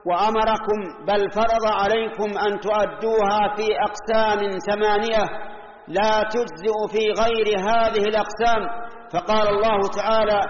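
An older man from Saudi Arabia giving a Friday sermon in a mosque, explaining rules point by point with worked examples. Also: sits high. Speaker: preacher. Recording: echoey hall, lo-fi old recording.

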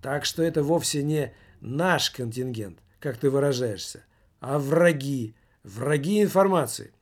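A man's voice: mid-range voice, lively intonation, measured pace. A man voicing a stubborn male office worker who keeps pressing for answers. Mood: insistent. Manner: insistent.

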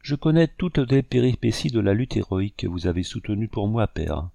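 A proud, composed young creole woman from an old adventure novel, read by a man. The lines come soft and even, in a low, dark, gravelly voice. The sound is dry and close. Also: fairly quick, no echo, exaggerated voice.

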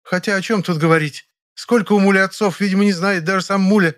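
A man's voice: sits high, steady tone, fast, a bit bright, pitched above the performer's own voice. A man voicing a haughty woman making a disdainful remark, in an audiobook reading. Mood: scornful.

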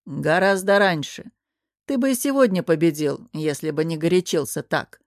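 A woman voicing a cool, sarcastic older male governor who speaks calmly. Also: deep voice, normal speed, no room sound, studio quality. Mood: calm commanding. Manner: calm, sarcastic.

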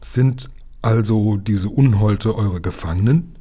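A man voicing a grieving old emperor, speaking slowly, quietly and with solemn dignity. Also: fairly low pitch, husky. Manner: slow, grave, quiet yet commanding.

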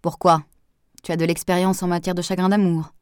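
A woman reading the lines of a blunt, defensive man in a novel, in a low, dry voice. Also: little pitch movement, fairly quick, darkish tone, clear, resonant tone, no echo, close to an everyday voice. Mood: guarded.

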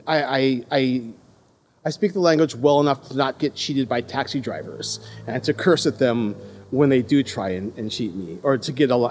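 A man in his thirties from Los Angeles, with an American accent and a mid-range, darkish voice, tells personal stories casually. He laughs often, pokes fun at himself, and keeps restarting his sentences, with slight background noise behind him.

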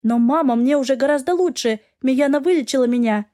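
A woman voicing a gentle young daughter in an audiobook, pleading and earnest. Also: high voice, brisk, close to an everyday voice.

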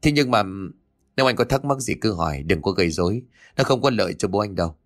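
A man doing a patient calm policeman. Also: fairly low pitch, quick pace. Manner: gentle, explaining.

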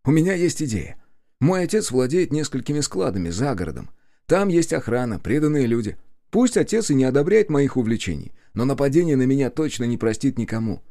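This is a hoarse young journalist, voiced by a male audiobook reader. He talks freely and wryly, his voice raised and a little strained from the ordeal. The delivery rises and falls in lively swings. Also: medium pitch, fairly quick, voice pushed up. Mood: wry friendly.

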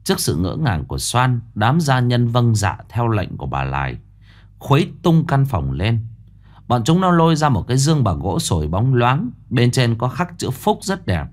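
Lively male storyteller. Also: medium pitch, moderate pace. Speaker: story narrator. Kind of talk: scripted narration of a ghost story.

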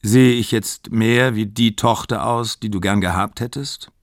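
A man's voice: lowish voice, a little slow, no room sound, studio quality. A man reading the lines of an eager young woman questioning her father. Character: young woman, a daughter seeking approval.

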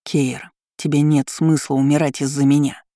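A reader plays a stern male steward who gives firm, clipped orders, speaking in a mellow, warm voice. The audiobook recording is dry and close. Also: medium pitch, flat delivery, moderate pace, dry recording, lightly acted. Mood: commanding. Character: stern male steward, commanding but caring.

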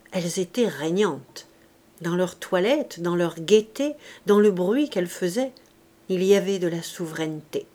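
A woman reading a classic novel aloud as an audiobook narrator, measured and careful. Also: mid-range voice, mellow. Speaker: audiobook reader. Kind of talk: scripted narration.

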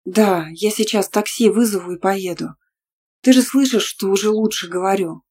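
A woman voicing a stubborn older sister who is ill, speaking hoarsely, weak but insistent. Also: medium pitch, normal speed, a little mellow, lightly acted.

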